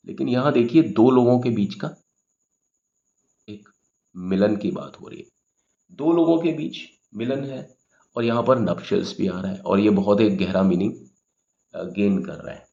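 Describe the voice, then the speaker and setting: A man's voice: fairly low pitch, creaky, dark tone, lo-fi sound. A man teaching English grammar in Hindi, patiently explaining words and often checking with "okay?".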